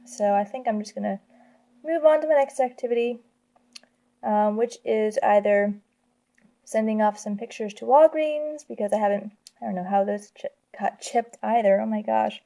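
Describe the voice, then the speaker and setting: A woman in her thirties talks casually to her camera at home, rambling and restarting her sentences as she thinks aloud. Her voice is mellow and dark, with a gravelly fry in it, and the pitch sits in the middle for a woman. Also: normal speed. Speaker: vlogger. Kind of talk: casual home vlog chat. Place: family house indoors.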